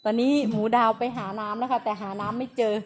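High-pitched lady chatting away outdoors, teasing and polite. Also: level tone, fast talker, slight background noise. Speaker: vlogger narrating elephant calves. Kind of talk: casual on-the-spot commentary. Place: outdoors at an animal pen.

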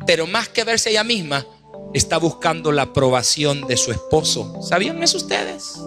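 A man's voice: fairly high pitch, big pitch swings, normal speed. A man preaching a Sunday sermon in a church, exhorting the congregation with emphatic repeated calls and acting out little scenes between husband and wife. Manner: acts out wife and husband in asides. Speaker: pastor. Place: church sanctuary. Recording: live hall with echo and music.

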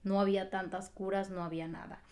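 A woman's voice: mid-range voice, level tone, a little fast, darkish tone. A woman gives an emphatic motivational talk to camera, repeating phrases and asking rhetorical questions. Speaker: motivational vlogger.

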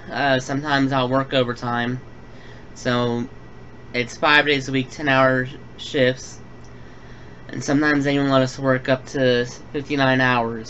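His voice sits in the mid-range and comes across a bit bright. He's a young gaming-channel host recording at home, first explaining a build tutorial and then chatting about personal news with plenty of fillers, all captured as a dull lo-fi recording with faint hiss.

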